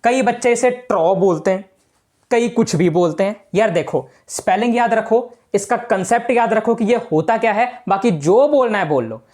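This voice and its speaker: A man's voice: high voice, animated, normal speed, a little mellow. A male teacher giving a casual physics lesson to students, talking informally and repeating the key points.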